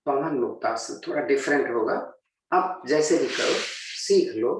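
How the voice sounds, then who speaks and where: A man's voice: medium pitch, measured pace. A man teaching a yoga class, talking students through each pose step by step. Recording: very echoey room, mic at a distance.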